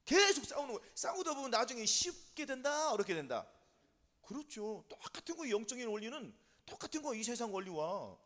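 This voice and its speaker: A man's voice: very high voice, big pitch swings, fairly quick, fairly bright tone, long reverb tail. A male pastor, preaching a sermon that drills the congregation with back-and-forth questions. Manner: drilling call-and-response questions. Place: church sanctuary.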